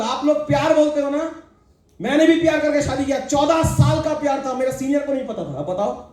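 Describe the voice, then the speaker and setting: A middle-aged man with a very high-pitched voice delivers a preachy motivational talk to an audience. He keeps asking the crowd questions and slips jokes in between. The sound rings out across a big, strongly echoing hall. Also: darkish tone, distant mic. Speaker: motivational speaker addressing a sales team. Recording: very echoey hall.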